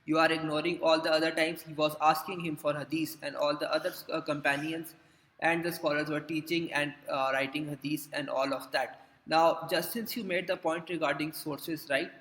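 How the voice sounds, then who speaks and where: A man's voice: fairly high pitch, fairly even intonation, moderate pace, fairly bright tone. A man debating point by point over a video call, his audio choppy and cutting out every few seconds. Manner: argumentative, point by point rebuttal. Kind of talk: live online debate. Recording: choppy echoey call audio with long reverb and dropouts.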